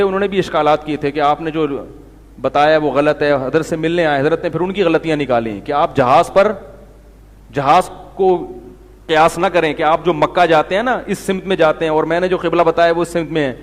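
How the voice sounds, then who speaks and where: Man preaching, Pakistani accent, raised pitch, long echoing hall, anecdotal and animated. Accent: Pakistani Urdu. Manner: storytelling, acts out quotes with shifting voices. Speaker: Islamic preacher. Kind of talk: conversational sermon.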